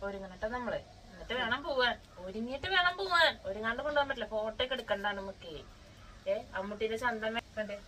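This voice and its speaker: Woman, home pet vlogger; bright voice, coaxing, playfully scolding tone. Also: on the high side, expressive, quick pace, slight background noise, low-quality recording. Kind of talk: casual home vlog, talking to a pet.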